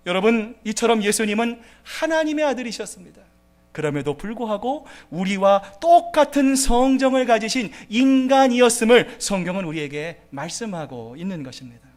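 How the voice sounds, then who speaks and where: A man with a very high voice preaching a sermon in a church. He swings between hushed asides and loud, pleading outbursts, often calling out to his congregation. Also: big pitch swings, normal speed. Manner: dramatic preaching, acts out pleading voices, frequent "여러분" and "자". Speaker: pastor.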